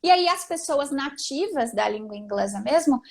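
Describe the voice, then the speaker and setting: Host feminina, voz bem aguda, papo descontraído com gírias. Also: female voice, high voice, normal speed, a crowd in the background. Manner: lively, casual, uses slang. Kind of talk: casual interview chat.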